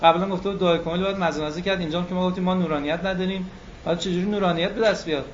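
A high-pitched man delivers an animated religious lecture, slowing down and stretching key words for emphasis. The recording is dull and lo-fi, with a faint hum of room noise behind him. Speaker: preacher.

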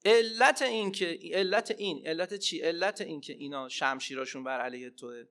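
Guy preaching a sermon, kinda high bright sharp voice, gets loud then goes quiet. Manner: impassioned, swinging between loud emphatic cries and hushed asides. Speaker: preacher and Arabic teacher. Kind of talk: religious sermon with storytelling.

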